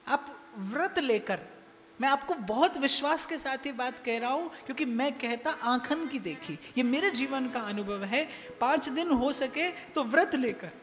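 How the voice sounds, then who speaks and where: A man's voice: very high-pitched, a bit bright. A man giving a devotional sermon in a temple hall, speaking emphatically and repeating phrases for effect. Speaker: spiritual discourse speaker. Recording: long hall reverb, faint music behind.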